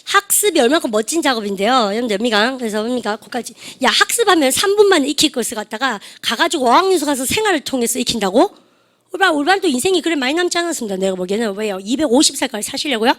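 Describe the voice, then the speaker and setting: A middle-aged woman with a high voice gives an English lesson in a classroom. She teases her students and keeps tossing them quick questions. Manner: lively, teasing, asks the class many quick questions. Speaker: English teacher. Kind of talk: classroom lecture.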